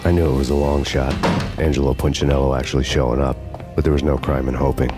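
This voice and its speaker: A world-weary ex-cop handles the noir narration and dialogue of a game's cutscenes, music running behind him. He speaks fast, his voice extremely low and almost monotone, his humor deadpan and dryly sarcastic.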